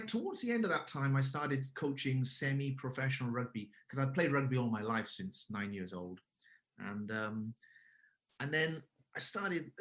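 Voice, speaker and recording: A Welsh man in his forties, a guest who owns an English school, tells his career story in a casual way, often restarting and correcting himself. His voice is mid-range and a bit bright.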